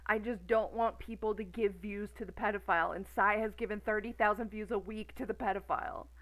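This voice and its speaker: A woman's voice: mid-range voice, fairly even intonation, a little fast, a bit bright, low-quality recording. A woman in her thirties ranting on a stream in a profane, sarcastic, exasperated way. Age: 30s. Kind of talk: casual ranting commentary.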